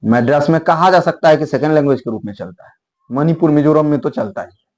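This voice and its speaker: A man's voice: on the high side, quick pace, darkish tone. Rambling Hindi-speaking English teacher, man. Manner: rambling, conversational explaining with restarts. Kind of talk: spoken English lesson in Hindi.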